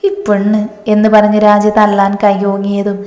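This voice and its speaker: Even-voiced woman storyteller, echoey. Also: mid-range voice, normal speed. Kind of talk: scripted story narration. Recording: echoey room with long reverb.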